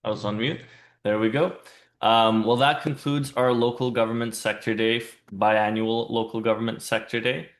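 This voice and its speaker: A man delivers the closing announcements in a flat, even, matter-of-fact way. His voice comes through a video call with a roomy echo. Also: medium pitch, moderate pace. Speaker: event organizer closing the session. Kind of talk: closing remarks. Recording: echoey video call audio.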